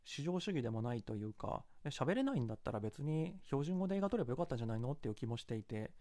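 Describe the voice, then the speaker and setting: A host from Kansai talks through a film review in a casual, analytical way, often hedging and wandering into asides. The pitch moves a lot and the pace is quick. The recording is dry and close. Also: big pitch swings, warm tone, dry recording. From Kansai, Japan. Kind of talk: casual solo commentary.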